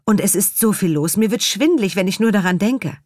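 A woman voicing a shy, eager young woman with a bright delivery, in an audiobook reading. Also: medium pitch, animated, fairly quick, no room sound, clean studio sound, pitched above the performer's own voice, close to an everyday voice.

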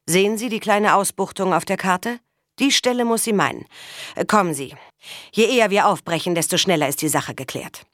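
A woman voices a firm, matter-of-fact man settling a land dispute, pitching slightly above her natural voice while staying close to everyday speech. Her mid-range voice is a bit bright, delivered at normal speed in clean, studio-quality audio with no room sound.

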